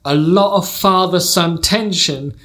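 Playful man chatting, high voice. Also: takes it slowly. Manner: animated, playful storytelling. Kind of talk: casual chat.

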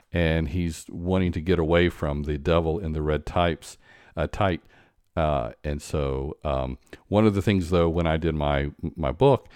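A deep, low-pitched man hosts a conversation, speaking in a halting, stop-start way full of restarts and fillers. The sound is dry and close, with no room echo. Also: a little mellow. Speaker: podcast host. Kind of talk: conversational interview.

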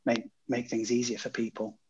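Husky man on dull lo-fi audio. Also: mid-range voice, monotone, moderate pace, a little mellow. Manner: hesitant, many "uh" fillers and restarts. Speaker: design consultant guest. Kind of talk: conversational storytelling.

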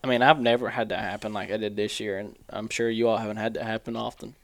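A man's voice: lowish voice, level tone, quick pace, no echo. A man hosting a podcast, chatting in an informal, colloquial way. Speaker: podcast host. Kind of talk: casual podcast chat.

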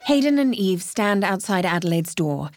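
A woman's voice: mid-range voice, very animated, normal speed, faint music behind. A woman giving scripted narration of a story in a playful storytelling manner.

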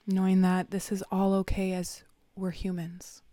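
Woman meditation guide, soft breathy half-whisper, very slow and even, warm low tone, dry close sound. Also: no echo. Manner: soft, half-whispered, soothing delivery with long pauses.

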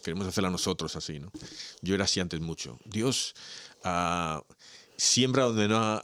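Un hombre con acento de España, copresentador que charla de fe de forma animada y narra chistes con soltura. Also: male voice, low-pitched, no echo. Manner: animated storyteller, laughs easily. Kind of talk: casual religious chat.

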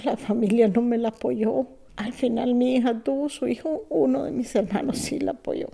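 Gravelly Salvadoran woman in her fifties. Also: fairly high pitch. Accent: Salvadoran Spanish. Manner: halting and soft, drops to whispers. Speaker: immigrant English learner. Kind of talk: personal testimony.

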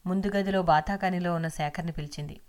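A woman reading a serialized audio novel aloud in a steady, measured storytelling voice. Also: lowish voice. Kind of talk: scripted storytelling narration.

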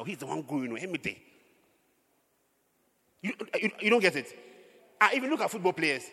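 Male pastor, animated preacher, husky raised voice, long church-hall echo. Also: fairly high pitch. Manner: animated preaching with sudden loud outbursts and laughs. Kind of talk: sermon.

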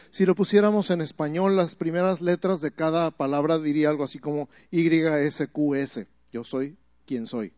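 A man's voice: on the high side, a little mellow, no echo. A man preaching a sermon in a teaching manner, asking the listeners questions and building up emphatic repeated phrases. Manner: rises to emphatic repetition.

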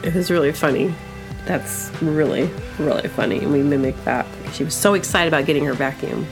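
A woman hosting a podcast in casual comedic chat, rambling and animated, with lots of fillers and quick impressions. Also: sits low, gravelly, over music. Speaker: podcast host.

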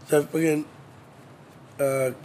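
A man's voice: on the high side, a little mellow. A man chatting casually as an interview guest, swearing freely in laid-back slang. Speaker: podcast guest, band drummer. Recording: noticeable background noise.

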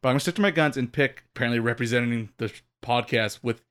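A man's voice: medium pitch, quick pace, fairly bright tone, clean tone. A man co-hosting a casual podcast chat, rambling and laughing often. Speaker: podcast co-host.

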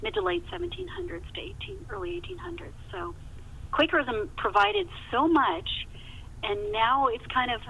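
Over a muffled phone line with hiss, a novelist guesting on a podcast recounts stories in conversation, emphatic and prone to repeating words for emphasis. Her voice is extremely high with vocal fry and a sharp tone, at a moderate pace.

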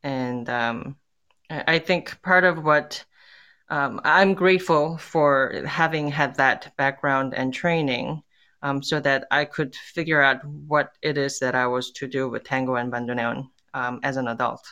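A woman born in Korea, a tango musician, talking in a casual interview, thoughtful and pausing often with fillers and restarts. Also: extremely low pitch, steady tone, pushed and bright, lo-fi sound.

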